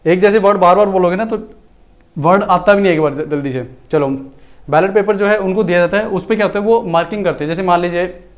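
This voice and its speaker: A male teacher lecturing in a chatty, explanatory way, slipping terms into his talk. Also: sits high. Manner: chatty, explanatory, mixes Hindi with English terms. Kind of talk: recorded exam-prep lecture.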